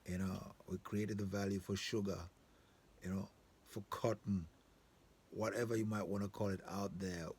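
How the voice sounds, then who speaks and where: Speaking at normal speed in a low, darkish voice with flat delivery, this southern African host gives an informal, opinionated monologue. He's emphatic and repetitive and keeps asking rhetorical check-in questions, while ambient noise is clearly audible behind him.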